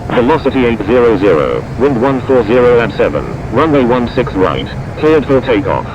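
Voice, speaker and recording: A computer-generated man speaking as an air traffic controller over the radio, reading out clearances in clipped, evenly paced phrasing. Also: mid-range voice, big pitch swings, normal speed. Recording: dull radio audio under loud engine noise.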